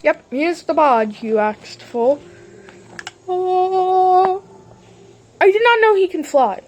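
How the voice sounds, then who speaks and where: A woman's voice: extremely high pitch, expressive, slow, darkish tone, slight background noise. A woman voicing all the characters in a playful homemade toy-train drama, jumping between silly character voices. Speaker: fan series voice actor.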